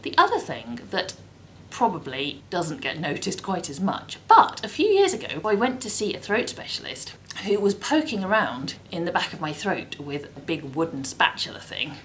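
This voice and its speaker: A woman's voice: big pitch swings, moderate pace, fairly bright tone. A woman with a posh English accent vlogging in a chatty, self-mocking way. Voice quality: posh, high-voiced. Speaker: vlogger, freelance model. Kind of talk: casual talking-to-camera vlog. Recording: echoey room with faint noise.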